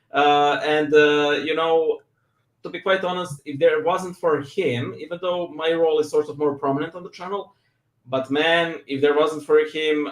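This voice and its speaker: A young Serbian man, a church reader and YouTube creator whose first language is Serbian, is a guest in a casual interview, speaking with a Serbian accent. He laughs often and makes self-deprecating jokes. His voice is on the high side, and the recording is reverberant and rough.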